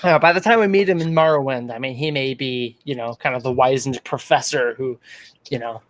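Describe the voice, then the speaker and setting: A man's voice: medium pitch, fairly quick, slight background noise. A man hosting a casual online lore chat over a video call, rambling with lots of fillers and restarts. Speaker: podcast host.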